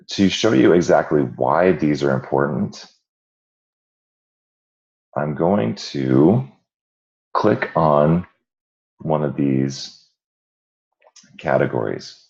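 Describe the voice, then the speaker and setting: A man hosting an informal online tutorial, explaining in a halting way with a hoarse, croaky frog voice from a cold. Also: rumbling low, darkish tone, lo-fi sound. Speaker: webinar host and instructor. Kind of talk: informal screen-share tutorial.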